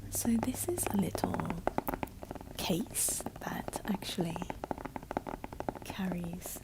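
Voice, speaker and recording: A woman whispering softly and breathily in a casual, rambling ASMR style, close to the mic while she taps on items with her fingers. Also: fairly low pitch, takes it slowly. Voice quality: breathy, mostly unvoiced whisper. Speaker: ASMR video creator. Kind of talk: whispered, soft-spoken ASMR. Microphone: close ASMR microphone. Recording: close noisy mic with tapping and clicks. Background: finger tapping and clicking on objects.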